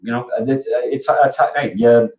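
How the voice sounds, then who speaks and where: A man hosts a casual talk show at an ordinary middle pitch. He talks hesitantly, pausing on frequent ums and uhs as he gathers his thoughts. The recording sounds dull and lo-fi. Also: steady tone, a little mellow. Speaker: host. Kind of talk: casual chat.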